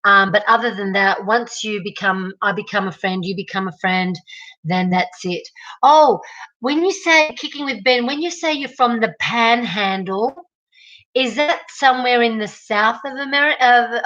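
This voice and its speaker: A woman's voice: fairly high pitch, moderate pace, pushed and bright, dull audio. A middle-aged Australian woman chatting casually with viewers on a live stream, greeting them by name.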